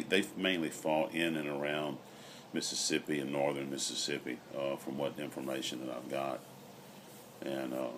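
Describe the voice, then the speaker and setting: A middle-aged man chats casually and reflectively, rambling with frequent pauses, recorded outdoors on a patio. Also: very deep voice, fairly bright tone. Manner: unhurried, rambling, pausing often. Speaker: vlogger. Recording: noisy outdoor ambient recording.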